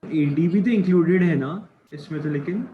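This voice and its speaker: A man's voice: a little high, moderate pace, reverberant, far from the mic. A male student in an online class, answering his teacher politely and briefly. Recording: muffled online audio with faint noise.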